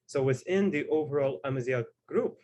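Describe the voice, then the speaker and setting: A man's voice: medium pitch, darkish tone, muffled recording. Man hosting a video call panel. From Tuareg heritage. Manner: measured, explanatory, frequent fillers. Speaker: host and moderator. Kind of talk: moderating a video call discussion.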